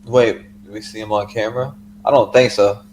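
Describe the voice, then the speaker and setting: A male streamer talks casually in a lowish voice. He rambles in slangy, offhand asides as he hosts. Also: steady tone, normal speed, darkish tone, a little hiss or hum. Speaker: livestream host. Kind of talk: casual livestream chat.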